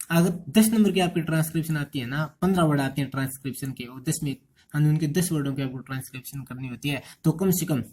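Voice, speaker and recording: Mellow-voiced Indian man teaching. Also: on the high side. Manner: repetitive, quizzing students rhetorically. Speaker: English teacher. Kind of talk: exam-prep lecture.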